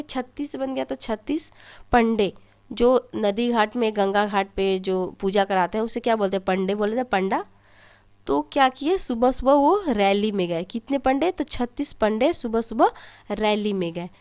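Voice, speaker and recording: A woman's voice: fairly high pitch, a little mellow. A young woman teaching an exam-prep lesson, telling little stories and asking questions that she then answers herself. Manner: storytelling, asks questions and answers them herself.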